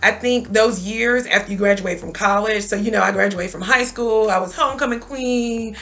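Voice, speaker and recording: A woman's voice: mid-range voice, normal speed, bright, forceful tone. A woman in her thirties talking earnestly about faith and telling her own story as a guest on a talk show. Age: 30s.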